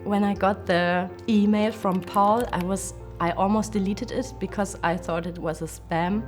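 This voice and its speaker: A woman from Germany speaks heartfelt and emotional in a documentary interview, in a middle-pitched voice. Faint music plays underneath. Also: steady tone, unhurried. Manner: heartfelt, emotional, soft laughs. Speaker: interviewee, climber. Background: background music.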